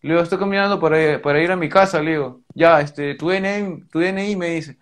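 A man's voice: on the high side, fast talker. A young man from Peru with a Lima slang accent, telling a story in casual chat, full of swearing and fillers. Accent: Peruvian Spanish, Lima slang.

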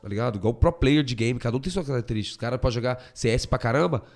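A man's voice: mid-range voice, racing, a little mellow. A man, a beatboxer guest on a podcast, joking and teasing in casual banter.

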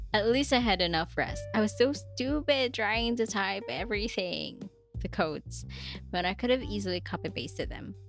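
A young woman reads her diary entries aloud in a casual chat, breaking off for giggles and self-mocking asides. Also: mid-range voice. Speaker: vlogger reading her diary.

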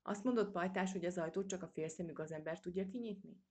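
A woman's voice: fairly low pitch, warm tone, natural voice. A woman voicing a spirited young male mouse adventurer who gives orders eagerly and impatiently.

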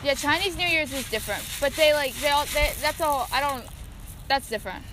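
A teenage girl chats in a teasing, easygoing way. Her voice is high, and clear background noise stays under her talk. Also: fairly quick. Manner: chatty, teasing, laughing. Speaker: vlog co-host. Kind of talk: casual chat. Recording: noisy background.

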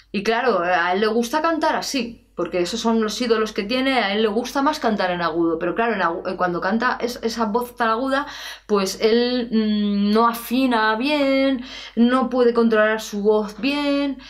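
Lively singing teacher woman. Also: mid-range voice. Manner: lively, chatty, animated with playful examples and laughs. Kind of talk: answering viewer questions.

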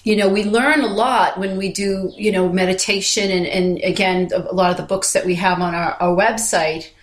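A woman co-host talks in a roomy, echoing space. Her delivery is reflective and casual, feeling its way forward with halting, repeated phrases. Her pitch sits in an ordinary female range. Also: steady tone. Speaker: podcast co-host. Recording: roomy, echoey sound.

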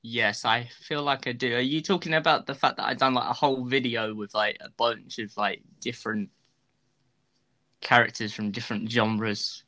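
A man's voice: medium pitch, steady tone, normal speed, pushed and bright. A young man chatting casually as an interview guest, rambling, laughing and self-deprecating. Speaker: guest, fan video creator.

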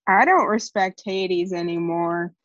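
A woman's voice: on the low side, a little slow, dry recording. A woman podcast co-host who cuts in with blunt, sarcastic remarks. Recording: dull, lo-fi sound.

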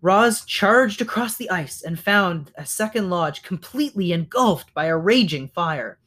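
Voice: medium pitch, lively intonation, measured pace, fairly bright tone. A reader reading a children's novel aloud, now and then stopping to correct slips.

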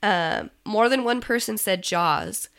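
A woman's voice: medium pitch, lively intonation, slow pace, gravelly, a bit bright. A woman co-hosting a podcast, chatting casually with plenty of ums and easy laughs. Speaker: podcast co-host. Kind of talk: casual chat.

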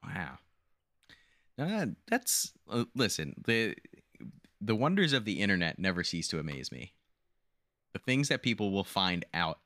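A man co-hosting a casual gaming podcast, trading deadpan one-liners. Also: low-pitched, a little slow, long pauses, dry recording. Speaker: podcast co-host. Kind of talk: casual chat.

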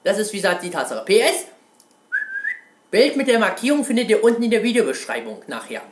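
A man's voice: high-pitched, sing-song, fairly quick, a little hiss or hum. Rambling man in a roomy echo. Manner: rambling, keeps calling viewers "Kunstfreunde", swears casually. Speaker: gaming video host. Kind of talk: casual video reply on a video game.

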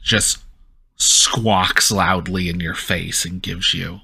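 A man's voice: low-pitched, level tone, slow pace, creaky, sharp tone, slightly rough, no room sound. A man speaking casually as game master, narrating a tabletop game and calling for dice checks.

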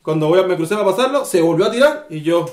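A man's voice: sits high, quick pace, echoey room, a crowd in the background. A man with a Venezuelan accent, a podcast guest telling stories in casual chat and acting out the voices of people he quotes. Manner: animated storyteller who acts out quoted voices.

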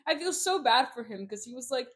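A woman co-hosting a casual book podcast, talking in excited, rambling bursts and swearing freely. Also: a little high, a little fast, a crowd in the background. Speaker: podcast co-host. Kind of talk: casual chat.

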